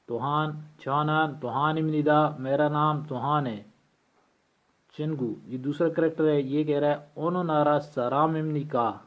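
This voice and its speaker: A man's voice: fairly high pitch, fairly even intonation. Man teaching in a tinny recording. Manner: slow, repeats each word for practice. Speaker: language teacher. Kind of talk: explaining a textbook lesson.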